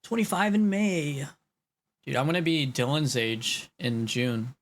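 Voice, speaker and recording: This is a chatty man in his late twenties talking to his stream's chat while he draws, rambling along and laughing often, in a medium-pitched voice at a measured pace.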